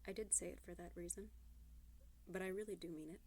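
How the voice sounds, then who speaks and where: A woman voicing a shy but self-assured nerdy teenage boy in a read-aloud novel, speaking in a calm, measured way. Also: lowish voice, slight background noise, natural voice.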